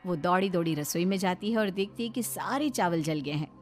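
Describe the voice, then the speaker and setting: A woman's voice: fairly low pitch, brisk, darkish tone, faint music behind. A woman narrating a scripted cartoon story as its storyteller.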